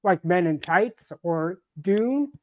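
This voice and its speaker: A man's voice: sits high, animated, takes it slowly, darkish tone, dry recording. An American man co-hosting a casual livestream chat, thoughtful and rambling, with restarts. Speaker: livestream co-host. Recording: dull, lo-fi stream audio.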